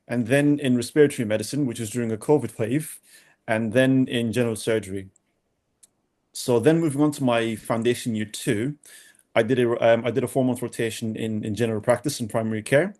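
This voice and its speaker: A young man from Sudan, a doctor answering podcast interview questions in a halting way with many restarts and repeated words. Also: medium pitch, a little mellow. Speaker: doctor, guest.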